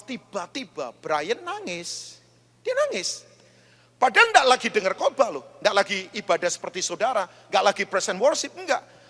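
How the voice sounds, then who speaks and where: A man preaching a sermon as pastor, telling stories and rising to shouts. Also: high voice. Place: large church hall. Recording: echoey church hall.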